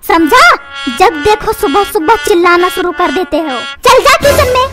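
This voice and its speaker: A woman's voice: extremely high pitch, sing-song, normal speed, over loud music. A woman playing a cheeky rude cartoon schoolboy. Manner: sassy, talks back, threatens. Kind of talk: comedy cartoon dubbing.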